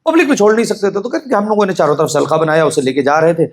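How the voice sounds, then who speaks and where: A man preaching a mourning sermon, swinging from hushed storytelling to shouted emphasis and often urging his listeners to pay attention. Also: on the high side. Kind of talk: Shia majlis sermon.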